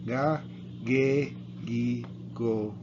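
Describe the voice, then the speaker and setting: A man's voice: medium pitch, fairly even intonation. A man teaching a language pronunciation lesson, patiently sounding out syllables and asking the listener to repeat. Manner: patient, repeats syllables slowly, chuckles at own slips. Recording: dull lo-fi sound, faint room noise.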